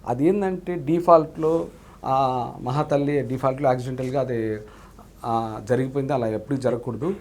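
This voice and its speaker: A man's voice: medium pitch, normal speed, pauses often, darkish tone. A man, an actor being interviewed, talking earnestly and politely with frequent restarts. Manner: earnest, calls the host "sir" constantly, frequent restarts. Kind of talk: casual interview talk.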